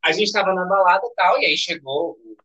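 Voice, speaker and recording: A young man with a Brazilian accent, a podcast guest telling a story in casual chat, animated and laughing. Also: sits high, brisk, muffled recording.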